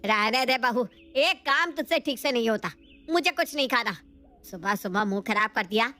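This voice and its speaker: A woman's voice: on the high side, expressive, moderate pace, pushed and bright. A woman voicing a bossy, scheming middle-aged mother-in-law in a cartoon story, scolding and sly.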